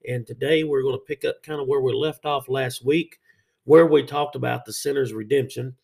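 Male faith-show host, raspy and under the weather with sinus trouble, plain conversational sermon delivery. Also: mid-range voice, fairly even intonation, moderate pace, a little mellow. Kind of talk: sermon-like devotional teaching.

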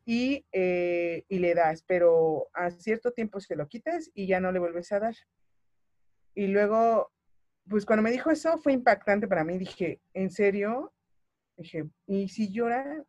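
A Mexican woman in her thirties tells her own story as a mother, animated and emotional, slipping into the voices of the people she quotes. The sound is dry and close, with no room around it. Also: medium pitch, measured pace, no room sound. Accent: Mexican Spanish. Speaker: guest mother. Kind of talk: personal story in conversation.

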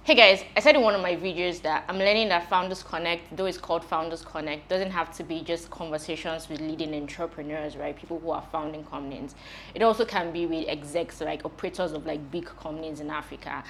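Lady podcast host, kinda low voice, chatty, laughs a lot. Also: fairly even intonation, brisk, a bit bright, faint music behind. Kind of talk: casual interview.

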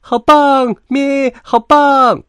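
A man voicing a small, excitable little lamb who bleats in a high, whiny voice. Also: moderate pace, dry recording, studio quality. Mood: overjoyed.

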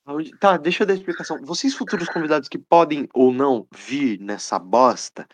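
A man's voice: fairly high pitch, fairly quick, dry recording. A young man hosting a casual podcast among friends, teasing the others and swearing freely. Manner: teasing, swears freely, laughs at his own jokes. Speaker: podcast host.

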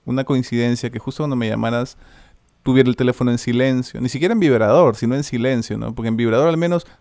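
A man's voice: mid-range voice, quick pace, a little mellow, dry recording, clean studio sound. A man in his forties with a Peruvian Spanish accent, a voice-over announcer chatting casually in a rambling way. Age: 40s. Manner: easygoing, rambling, tags lines with "¿no?". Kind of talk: casual chat.

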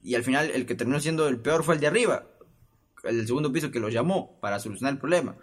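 A young man with a Peruvian Spanish accent hosts a casual solo podcast, talking fast in a medium-pitched, slightly rough voice. He rambles, stammers and restarts, and acts out the voices of people in his stories.

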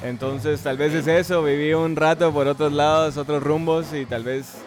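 A young man from Guatemala with a Guatemalan Spanish accent, a musician guest talking in a relaxed, slangy, hesitant way. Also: a little high, normal speed, soft background music. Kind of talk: casual interview chat.

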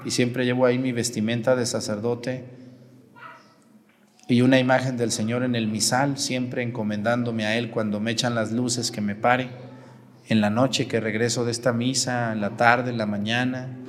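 Mexican priest preaching in a reverberant church. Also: male voice, mid-range voice, flat delivery, normal speed. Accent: Mexican Spanish. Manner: conversational preaching with questions to the congregation. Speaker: parish priest. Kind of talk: sermon.

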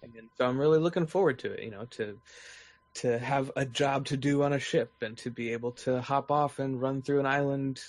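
A man with a gravelly, fry-edged voice talks through his thoughts in a relaxed podcast chat. He speaks in a measured, thoughtful way, often restarting a phrase before settling on it. His pitch sits mid-range for a man. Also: dry recording. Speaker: podcast co-host. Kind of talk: casual chat.

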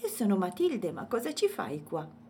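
A woman's voice: mid-range voice, huge pitch swings, moderate pace, mellow, slight background noise. A woman voicing a curious, wide-eyed little girl in a children's storybook, amazed and full of questions.

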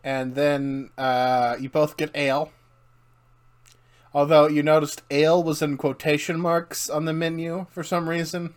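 A man's voice: a little high, flat delivery, unhurried, clean tone. A man acting as game master, casually improvising narration for a tabletop role-playing game.

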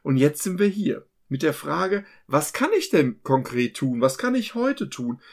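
A man's voice: fairly high pitch, animated, a little slow. A man hosting a podcast in German, talking earnestly and with feeling about a serious subject. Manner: earnest, impassioned. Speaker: podcast host. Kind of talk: hosted podcast talk.

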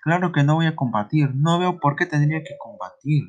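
A weary, grumbling middle-aged father, voiced by a man retelling a story. He speaks gruffly and dismissively, in a voice a little quieter and lower than the narration around it. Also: animated, fairly quick, lo-fi sound, lightly acted.

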